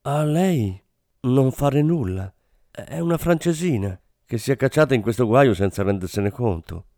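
A man's voice: medium pitch, animated, normal speed, dark tone, no echo, studio quality, pitched above the performer's own voice, lightly acted. A man doing a bitter, ranting drug smuggler. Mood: weak, urgent. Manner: ranting, hateful, broken.

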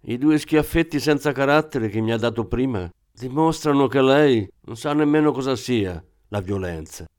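A man voicing an older former croupier, a German woman who speaks with calm, condescending irony. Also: mid-range voice, moderate pace, few pauses, no echo, clean studio sound, natural voice. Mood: sardonic.

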